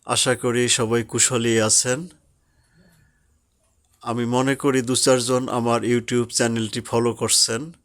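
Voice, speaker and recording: A man teaching Quran recitation rules patiently, drawing out the example words slowly. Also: medium pitch, level tone, a bit bright. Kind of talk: slow explanatory tajweed lesson.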